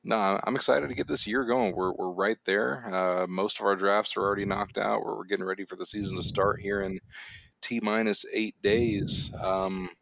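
A man's voice: on the low side, fairly even intonation, moderate pace, creaky, a bit bright. A man co-hosting a podcast, chatting casually with a hesitant, filler-laden way of talking. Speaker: co-host. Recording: dry, slightly dull lo-fi sound.

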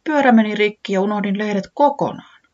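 A storyteller voicing a tearful, excitable young male bunny who wails and weeps easily, in a dull lo-fi recording. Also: mid-range voice, pitched above the performer's own voice, lightly acted. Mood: flustered. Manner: wailing, easily weeping.

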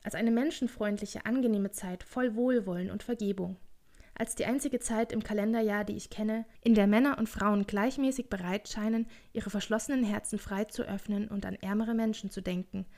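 A woman voicing a cheerful, warm-hearted young man in a storybook reading, speaking brightly and eagerly. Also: medium pitch, normal speed, lightly acted. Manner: bright, lively, pleading.

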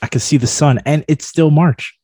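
A man's voice: a little high, normal speed, dark tone, breathy edge, no echo. A man from the New York City area co-hosting a podcast, riffing playfully in casual chat. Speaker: podcast co-host.

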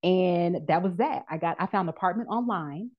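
A woman in her thirties, a podcast guest telling her career story in a casual chat, lively and acting out the voices of people she quotes. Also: fairly low pitch, normal speed. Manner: animated storyteller who acts out quoted voices. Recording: dull lo-fi audio.

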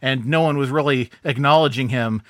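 A man co-hosting a podcast, chatting casually and telling stories in an animated, joking way. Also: mid-range voice, a little fast, no room sound, clean studio sound. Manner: animated, jokey storyteller. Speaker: podcast co-host. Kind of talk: casual chat.

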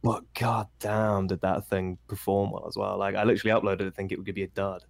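A man's voice: low voice, level tone, quick pace, creaky, dry recording. A man, telling stories as a podcast guest with lots of eager restarts. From England. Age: 20s. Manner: eager storytelling with many restarts. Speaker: guest streamer. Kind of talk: casual podcast chat.

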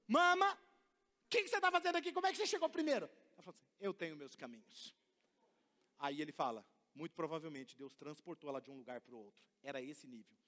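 A man preaching a sermon, telling a story and acting out the voices in it with animation. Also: very high voice. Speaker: pastor. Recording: long hall reverb.

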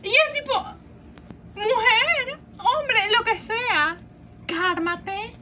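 A young woman co-hosting a podcast, blunt and playful in casual chat, adding quick asides. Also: extremely high pitch, background noise. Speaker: podcast co-host.

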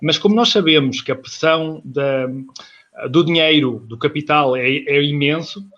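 Man with European Portuguese accent on a low quality stream. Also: normal speed, fairly bright tone. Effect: low quality internet stream audio. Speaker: guest commentator. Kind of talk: casual online talk show chat. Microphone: video call. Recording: dull lo-fi streamed audio with faint noise.

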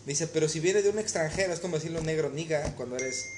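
A man's voice: on the high side, quick pace, reverberant, noisy background. A man from Mexico with a Mexican accent, a cook co-hosting a casual podcast, telling stories in slangy speech and acting out the voices he quotes. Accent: Mexican Spanish. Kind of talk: casual chat.

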